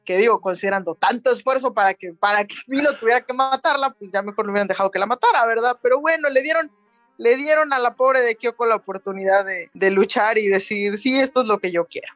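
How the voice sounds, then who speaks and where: A woman's voice: fairly high pitch, fast, a bit bright, no room sound. A woman casually recapping an anime episode as a podcast host, rambling with many restarts.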